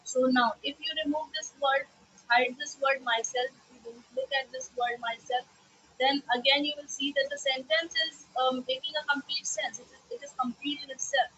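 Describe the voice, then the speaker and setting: A woman teacher explaining grammar in a live online class, often pausing to check with "okay?" and repeating examples. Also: sits high, fairly even intonation, bright, forceful tone, poor audio.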